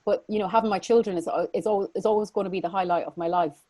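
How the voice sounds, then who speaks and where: A woman's voice: mid-range voice, steady tone, racing, mellow, no echo. Chatty Irish woman, dry close sound. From Ireland. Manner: chatty, rambling, lots of fillers and restarts. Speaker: guest singer. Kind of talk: casual interview chat.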